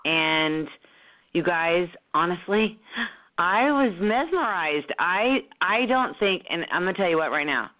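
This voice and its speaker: A woman's voice: fairly low pitch, lively intonation, measured pace. A woman hosting an internet radio talk show, congested from a cold, with a nasal voice and a rambling manner full of ums. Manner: rambling with many ums and restarts. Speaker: host. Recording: tinny phone line.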